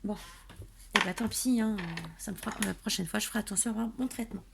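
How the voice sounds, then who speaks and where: A woman's voice: mid-range voice, fairly even intonation, quick pace, gravelly, fairly bright tone, slight background noise. A woman hosting a home papercraft tutorial, drowsy and tired, chatting in a rambling way with lots of fillers. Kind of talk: casual tutorial chat. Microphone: camera on a tripod.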